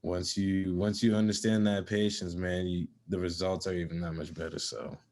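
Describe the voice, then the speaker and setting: In a low, slightly mellow voice with flat delivery and moderate pace, a young podcast guest chats in laid-back slang; he was born in Zimbabwe and has lived in South Dakota since age four. There's slight background noise.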